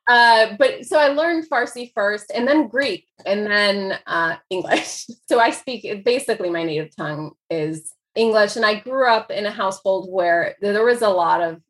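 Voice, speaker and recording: An American author in her 40s, a guest in a casual conversational interview, talks at normal speed in a mid-range voice with few pauses. Her rambling, chatty delivery is full of laughs and "like" fillers.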